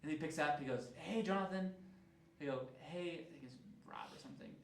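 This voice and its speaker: A man's voice: mid-range voice, flat delivery, racing, fairly bright tone, slight background noise. A man teaching a real estate class in a training room, chatty and full of stories, leaning on "like" a lot. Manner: chatty, storytelling, heavy use of "like". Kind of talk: casual classroom training talk. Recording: roomy room, mic far off.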